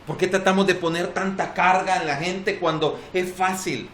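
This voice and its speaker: A man's voice: high voice, fairly even intonation, normal speed, fairly bright tone. A man with a Salvadoran accent preaching a sermon as pastor at a church service, emphatic and drawing responses from the congregation. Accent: Salvadoran Spanish.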